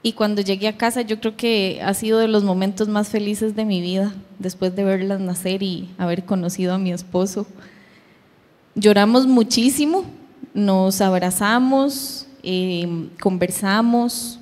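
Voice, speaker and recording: A woman's voice: medium pitch, measured pace, darkish tone. A woman, giving a heartfelt personal testimony at a church youth meeting and acting out her daughters' words. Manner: emotional storytelling, acting out her daughters' voices. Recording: long hall reverb.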